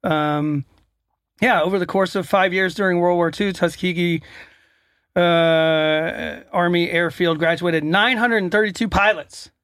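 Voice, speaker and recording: A man in his forties co-hosting casual chat, measured and reading from article notes. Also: sits high, steady tone, fairly bright tone, dry recording, studio quality. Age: 40s. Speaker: podcast co-host.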